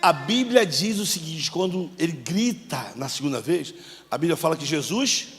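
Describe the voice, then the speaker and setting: Pastor guy running a bible skit during a sermon, yells cues and jokes around, echoey church hall. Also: a little high, big pitch swings, normal speed. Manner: coaching volunteers, shouting cues and joking. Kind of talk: sermon with a staged Bible scene.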